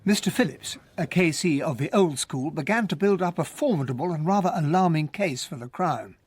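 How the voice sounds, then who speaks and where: An actor playing an earnest, well-bred English army captain who narrates and talks in a radio drama, with an English accent. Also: male voice, on the high side, animated, fairly quick, breathy edge. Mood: reflective narration. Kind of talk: radio drama acting and first-person narration.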